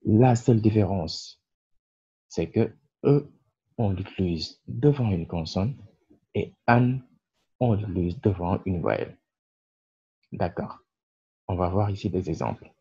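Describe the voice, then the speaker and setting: A man's voice: deep voice, lively intonation, slow pace, pauses often, warm tone, husky. A man, the creator of the channel, explaining English articles in a patient grammar lesson with frequent fillers. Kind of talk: French-language grammar lesson. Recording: dull lo-fi sound.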